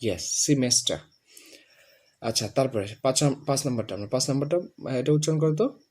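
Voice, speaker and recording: A man teaching English pronunciation, saying each word slowly and over and over for a student to copy. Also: medium pitch, expressive, a little mellow, husky. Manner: repeats words slowly, drilling the student. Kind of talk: pronunciation lesson.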